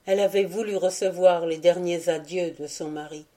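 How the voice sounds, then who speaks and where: A woman reading aloud a history book as a solemn, measured audiobook narration. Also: lowish voice, steady tone, mellow. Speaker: audiobook reader.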